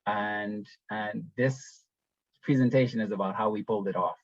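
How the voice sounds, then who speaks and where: A young man from the Bahamas giving a webinar presentation over a video call, talking in a relaxed, conversational way with frequent ums and restarts. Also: fairly low pitch, moderate pace, no echo. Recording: dull, dry webinar audio.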